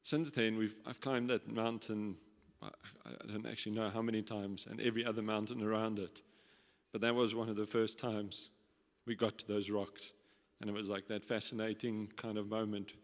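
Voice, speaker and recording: Man in his thirties, reflective memorial storyteller, flat low voice, hall reverb. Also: normal speed. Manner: reflective storytelling, some restarts. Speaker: nephew giving memorial tribute. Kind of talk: memorial speech.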